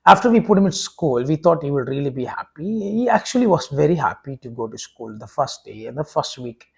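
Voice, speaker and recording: This vlogger and preacher from India, whose first language is Tamil, has a husky, slightly high, sing-song voice with a darkish tone. Chatting casually to camera, he speaks haltingly, with lots of "uh"s and restarts.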